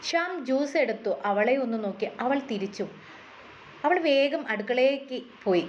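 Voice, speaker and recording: A woman narrating a story in a steady, measured reading voice. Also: high-pitched. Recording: dull lo-fi with faint hiss.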